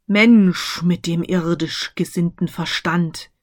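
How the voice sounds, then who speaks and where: A woman voicing the mournful ghost of a dead businessman, speaking solemn, slow warnings. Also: fairly low pitch, steady tone.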